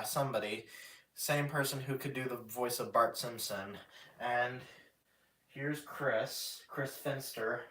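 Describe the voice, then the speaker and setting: A man chatting casually on a live stream, halting and restarting often as he talks about his puppets. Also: medium pitch. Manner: halting, many restarts and fillers. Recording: roomy echo, mic at a distance.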